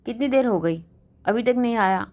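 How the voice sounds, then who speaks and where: A woman's voice: on the high side, moderate pace, a little mellow, voice pushed up, natural voice. A woman voicing a cheerful young male college student who chats and jokes casually in a storybook reading. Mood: joking.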